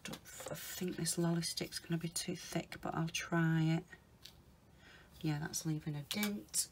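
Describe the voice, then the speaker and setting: A woman talking viewers through a polymer clay project, chatting casually, calling them guys and murmuring softly to herself as she works. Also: sits low, fairly even intonation, measured pace, background noise. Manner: chatty, often calls viewers guys, mutters softly to herself while working. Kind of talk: casual crafting tutorial.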